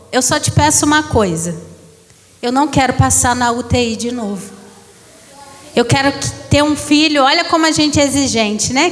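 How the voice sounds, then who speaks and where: A woman in her thirties preaching a personal testimony to a congregation, telling her story with emotion. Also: high voice. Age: 30s. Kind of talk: testimony sermon. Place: church hall. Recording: long church reverb.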